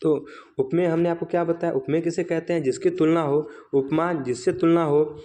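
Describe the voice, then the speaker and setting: A male teacher giving a fast exam revision lecture, asking questions and answering them himself, often checking with "right?", and slowing down to recite example lines. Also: a little high, steady tone, warm tone.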